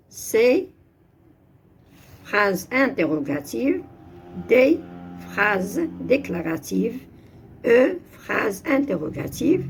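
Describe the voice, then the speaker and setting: A woman slowly explaining French grammar exercises, switching between French and Arabic. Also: medium pitch, slight background noise. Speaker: French teacher.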